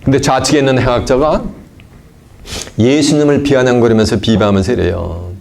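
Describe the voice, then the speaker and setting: A man preaching a sermon. He keeps asking his listeners questions and answers them himself, and he moves between loud emphatic lines and low asides. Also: brisk, creaky, a little hiss or hum. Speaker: pastor.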